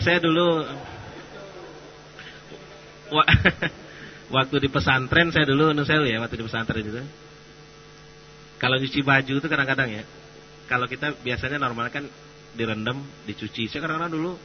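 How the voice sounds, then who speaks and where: A male preacher gives a chatty, animated talk that often turns to jokes. His voice sits at an ordinary pitch. The recording sounds dull and carries a clear mains hum. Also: normal speed, long pauses. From Sumatra. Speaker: Islamic preacher. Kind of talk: casual lecture.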